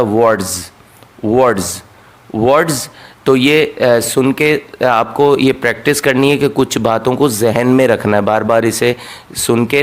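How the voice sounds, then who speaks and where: A man teaching an English listening lesson, explaining in Hindi and repeating sample sentences slowly. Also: medium pitch. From Pakistan. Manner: slow drilled repetition of English sentences.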